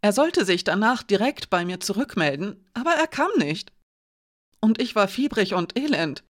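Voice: mid-range voice, big pitch swings, moderate pace, a bit bright, pitched above the performer's own voice. An audiobook reader voicing a nervous male servant who stammers and rambles as he pleads. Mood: pleading. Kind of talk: audiobook character voice.

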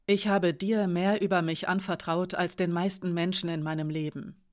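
A composed woman spy speaks in a soft, low, steady voice, read by a female narrator. Her tone stays calm and earnest. This is a quiet audiobook role. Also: normal speed, natural voice.

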